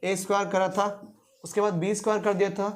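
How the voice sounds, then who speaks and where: A male teacher lecturing to a classroom. He keeps throwing questions at the class in call-and-response and repeats each key term to drive it home. His delivery is steady and instructive. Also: high-pitched, fast. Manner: quizzing students in call-and-response; repeats and stresses key terms.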